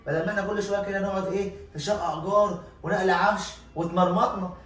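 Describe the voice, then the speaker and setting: An actor with an Egyptian accent playing a scheming young husband, talking roughly and scornfully, recorded in a very echoey room from a distance. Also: male voice, high-pitched, fairly even intonation, rapid-fire, fairly bright tone. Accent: Egyptian Arabic. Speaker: husband Hossam.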